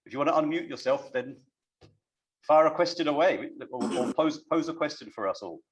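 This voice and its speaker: A man's voice: on the high side, lively intonation, brisk, low-quality recording. A man hosting an online panel discussion, reflective and welcoming as he takes questions. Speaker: panel host. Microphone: video call.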